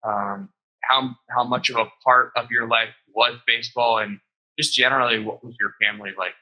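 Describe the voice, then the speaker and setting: A man's voice: mid-range voice, fairly even intonation, normal speed, dull audio. A man hosting an interview podcast, friendly and upbeat, with frequent ums. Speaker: podcast host.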